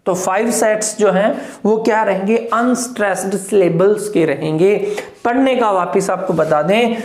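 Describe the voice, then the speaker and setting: A woman's voice: medium pitch, a little mellow, reverberant. A woman teaching English literature for exam preparation, explaining terms step by step and often checking whether her students follow. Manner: explanatory, asks "clear?" often, counts syllables aloud. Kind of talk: exam-prep lecture in Hindi with English terms.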